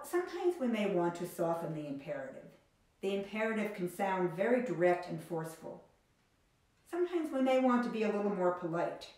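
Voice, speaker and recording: Slow, clear woman teacher, echoey room. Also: on the low side, a little mellow. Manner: slow, clear teaching delivery with spoken example sentences. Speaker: English teacher. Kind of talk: recorded grammar lesson.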